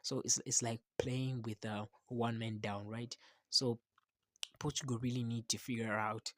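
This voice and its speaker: A man's voice: medium pitch, level tone, measured pace, fairly bright tone, dry recording, clean studio sound. A man giving casual, opinionated football commentary, emphatic and often repeating words and phrases for stress. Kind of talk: casual match commentary to camera.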